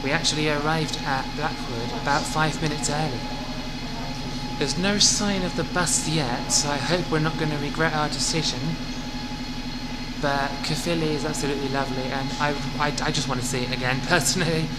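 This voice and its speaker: A man's voice: on the high side, steady tone, normal speed. A man narrating a casual travel vlog from buses and town streets, chatty and reflective in tone. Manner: chatty, warm-hearted and reflective. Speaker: bus travel vlogger. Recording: loud vehicle and street noise.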